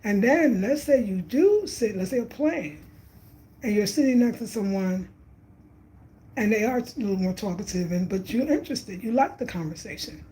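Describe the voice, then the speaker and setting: A Brooklyn, New York woman in her fifties, a travel vlogger, talks casually and reflectively about travel and spirit, repeating phrases for emphasis. Her mid-range voice is mellow, with lively intonation at a moderate pace, though the recording is low quality.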